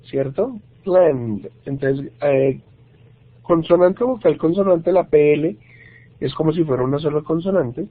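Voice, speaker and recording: A man's voice: fairly high pitch, no echo. A man teaching an online English grammar lesson, explaining patiently in Spanish with English examples and often checking in with his students. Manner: patient, checks in with "¿cierto?" and "¿listo?". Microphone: computer mic on video call. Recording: tinny, dry video call audio.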